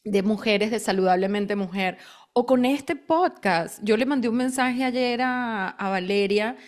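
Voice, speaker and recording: A woman co-hosting a podcast, talking in a lively, chatty way with quick bursts while asking her guest questions. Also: mid-range voice. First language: Spanish. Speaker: podcast co-host. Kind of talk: casual podcast conversation.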